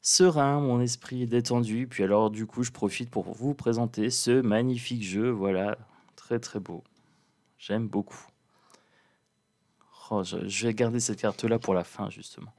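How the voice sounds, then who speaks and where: A man with a calm, slightly sleepy morning voice, chatting easily and playfully to his viewers. His pitch sits in the ordinary middle range, and he takes his time, relaxed and friendly, as he shows a deck of cards. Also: moderate pace. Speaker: cartomancer presenting an oracle deck. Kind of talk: casual chat to viewers.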